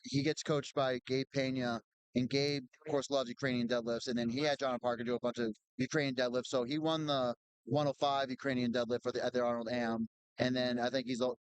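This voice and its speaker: A man's voice: mid-range voice, steady tone, fast talker, clean tone, no room sound, low-quality recording. A man commentating live at a strongman competition in a chatty, knowledgeable way, often restarting his sentences. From Boston area.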